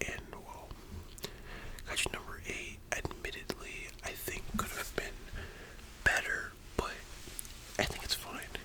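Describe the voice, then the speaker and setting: A soft, breathy library whisper carries this ASMR whispered role-play. The speaker plays a librarian and rambles informally through personal opinions, staying almost entirely unvoiced. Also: extremely high pitch, poor audio. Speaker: ASMR performer.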